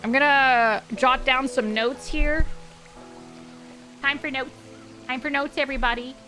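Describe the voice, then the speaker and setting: A woman streams a horror game with a high-pitched, bright voice. She talks in a chatty, expressive, informal way, as live commentary. Faint music plays behind her. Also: unhurried.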